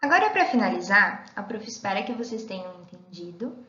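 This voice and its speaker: A woman teacher giving an online lesson to young children, talking in a slow sing-song way and calling herself "the teacher.". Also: medium pitch, big pitch swings, sharp tone. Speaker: primary school teacher. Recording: echoey room, dull lo-fi sound.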